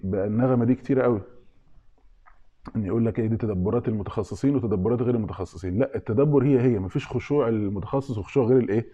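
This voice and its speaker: A man's voice: medium pitch, dark tone, dull audio. A man with an Egyptian accent giving an informal religious lesson, often asking his listeners questions and answering them himself. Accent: Egyptian Arabic. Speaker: religious teacher.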